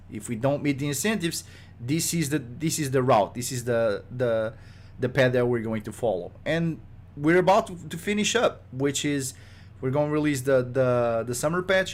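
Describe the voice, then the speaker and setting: Game developer, male, medium pitch; rambling, restart-heavy casual podcast talk, exasperated tone. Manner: rambling, frequent fillers and restarts; exasperated at rumors.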